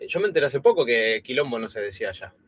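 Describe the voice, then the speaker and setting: Racing along in a sing-song, mid-range voice, an Argentine man in his thirties casually co-hosts a live stream, using many fillers and restarts. Years in Spain have softened his Argentine Spanish accent.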